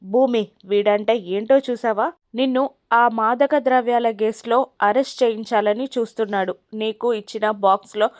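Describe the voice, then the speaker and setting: An enraged father from a soap story, hammering out one accusing question after another, as a woman narrator reads his lines. The voice sits on the high side, and the recording is dry and close. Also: fairly even intonation, moderate pace, no echo, natural voice. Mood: furious. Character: furious accusing father, middle-aged man.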